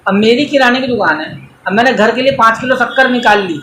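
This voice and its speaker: A man's voice: very high voice, fast, bright, forceful tone, echoey room, a little hiss or hum, rough recording. A man teaching an accounting class in a coaching centre, lecturing in a mix of Hindi and English and quizzing students with everyday examples.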